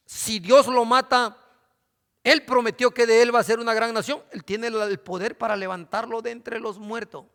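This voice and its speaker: A man's voice: extremely high pitch, bright, forceful tone. A man preaching a sermon as pastor, asking his congregation questions. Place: church. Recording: reverberant church hall.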